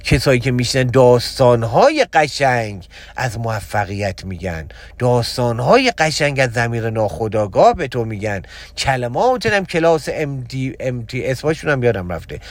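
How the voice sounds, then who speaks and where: A spiritual teacher with a sing-song voice gives a religious motivational talk, recorded without echo. He drives his points home through repetition, swinging between loud exhortation and a low, confiding tone.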